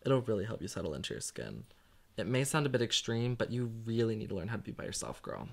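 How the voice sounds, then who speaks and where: A man's voice: lowish voice, very animated, quick pace, gravelly, heavily acted. A young man playing a frank, laid-back friend giving advice in an amateur short film. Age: young adult.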